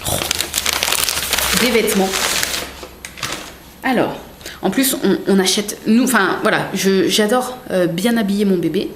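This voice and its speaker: A woman's voice: medium pitch, unhurried, pauses often, background noise. A young woman chatting casually as she unboxes gifts, gushing and chatty with lots of fillers. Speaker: vlogger. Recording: roomy room echo.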